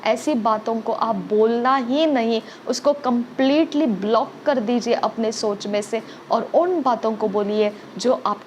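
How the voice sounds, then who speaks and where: In her sermon, a woman preacher with a fairly high, slightly mellow voice relies on repetition and frequent "okay?" checks to press her points. A faint ambient noise sits beneath her voice.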